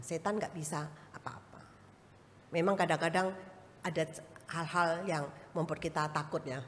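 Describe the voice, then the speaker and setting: A woman evangelist, preaching a sermon and telling a lively personal story. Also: sits low, a little hiss or hum. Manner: animated storytelling, acts out voices and laughs. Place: large church hall. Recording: long reverb of a church hall.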